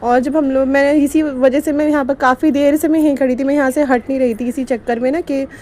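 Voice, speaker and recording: Chatty woman, mellow voice. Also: high voice, fairly even intonation, brisk. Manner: chatty, rambling storytelling with frequent laughs. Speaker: vlogger. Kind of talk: casual vlog narration.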